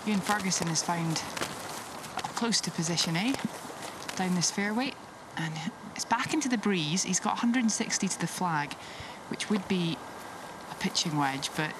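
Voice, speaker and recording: Golf commentator over loud outdoor noise. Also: medium pitch, normal speed. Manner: explanatory, describing shots and conditions.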